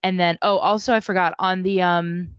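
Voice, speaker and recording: A woman's voice: lowish voice, steady tone, normal speed, clear, resonant tone, dry recording. A woman co-hosting a casual book podcast over a video call, rambling with lots of ums and likes. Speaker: podcast co-host and bookstore worker. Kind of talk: casual chat. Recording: dry, dull lo-fi call audio.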